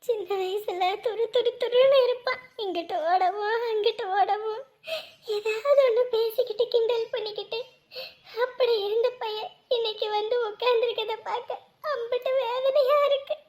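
A woman's voice: extremely high pitch, steady tone, normal speed, darkish tone. A woman playing a village mother who sobs and wails as she talks. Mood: grieving. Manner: tearful, wailing, sobbing through her words. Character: grieving village mother at her son's hospital bed. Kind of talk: emotional village drama acting.

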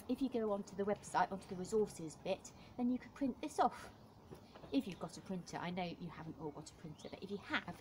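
A woman, a primary school teacher, talking gently and encouragingly to children in a home-recorded lesson from her kitchen. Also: mid-range voice, a little hiss or hum, rough recording. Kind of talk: home-learning video lesson.

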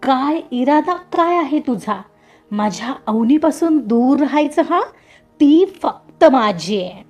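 A woman's voice: sits high, expressive, slow, a little mellow, faint music behind. A woman voicing an arrogant young man who bullies and threatens a rival in a storybook reading, taunting and swaggering.

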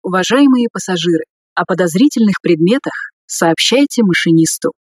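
A woman reading scripted subway announcements in a formal, measured way. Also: on the low side, animated, breathy edge, no echo, clean studio sound.

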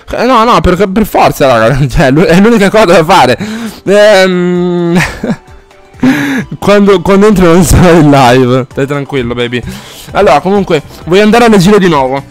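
A man streaming a game live, chatting casually and swearing freely at his viewers, with loud exaggerated outbursts. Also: on the high side, dry recording. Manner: rambling and profane, chatting to viewers.

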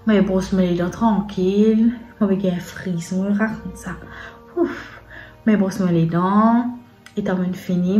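A woman with a Mauritian Creole accent telling a personal story in a casual storytime vlog, in halting, repetitive phrases with many pauses. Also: mid-range voice, a little mellow. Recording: roomy echo with faint background music. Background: faint sad music.

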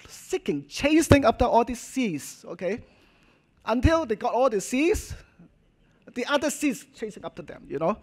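A middle-aged man with a Hong Kong Cantonese accent giving an informal conference talk as a doctor, emphatic, in short choppy phrases ending in little check-in tags. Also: high voice. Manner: choppy short phrases with frequent "okay?" and "you know" tags. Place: hotel function hall, at a podium.

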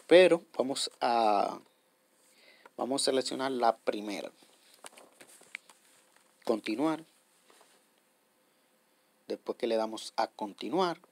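A man's voice: medium pitch, lively intonation, takes it slowly, creaky, long pauses. A man hosting a step-by-step app tutorial. He explains patiently, repeats himself, and keeps checking in with his viewers. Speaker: tutorial host.

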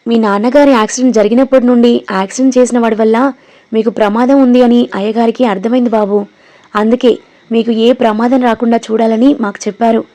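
Give me a loyal, humble working man, read by a woman, fairly high and mellow. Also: lightly acted.

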